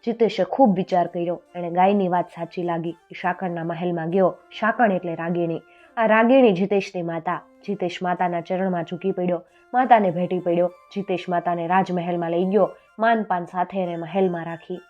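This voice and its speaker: A woman telling a traditional folk tale in an expressive storytelling voice, lifting her voice for the characters. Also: lowish voice, fairly quick. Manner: expressive, raises voice for quoted characters. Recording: dull lo-fi sound with faint music.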